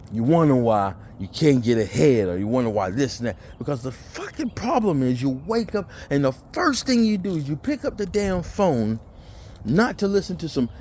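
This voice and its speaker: A man's voice: mid-range voice, darkish tone, slight background noise. A man in a blunt, preachy motivational rant, cursing and mimicking people who make excuses. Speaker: motivational vlogger.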